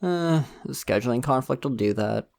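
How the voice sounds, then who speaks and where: A young man plays a friendly, slightly shy college student in an ASMR roleplay, with a medium-pitched, creaky voice, lively intonation and normal speed. He talks casually in an easygoing, chatty mood, soft-spoken and laughing often.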